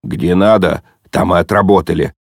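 A man voicing a grumpy old father with a bandaged head who talks gruffly, sighing and groaning. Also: sits low, moderate pace, dry recording, clean studio sound.

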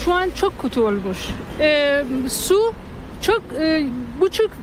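Older woman, Persian accent, high voice, halting broken Turkish of a foreigner, interviewed over clear traffic noise. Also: very animated. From Iran. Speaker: street interviewee. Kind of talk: casual street interview. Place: outdoors on a city street.

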